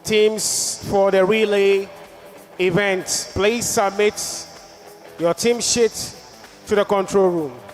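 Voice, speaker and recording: A man making a slow, formal venue announcement after a chime over a public address loudspeaker, heard from a distance. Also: high voice, steady tone, soft background music. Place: indoor swimming venue.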